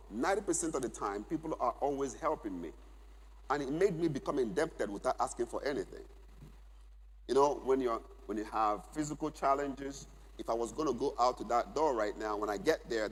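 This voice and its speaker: A middle-aged man teaches at a church conference, stressing and repeating his key points. His voice is a little husky, and it echoes around a large hall with a long reverb tail. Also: mid-range voice, expressive, a little fast. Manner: emphatic, repeats key phrases for note-taking. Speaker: conference speaker.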